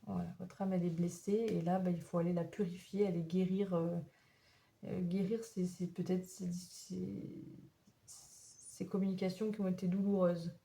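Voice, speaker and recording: Woman doing a card reading, soft warm voice, kind of hesitant, keeps hunting for the right word. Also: on the low side, little pitch movement, gravelly. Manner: halting, searching for words as she goes; gentle and encouraging. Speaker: oracle card reader. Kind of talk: spiritual card reading to viewers.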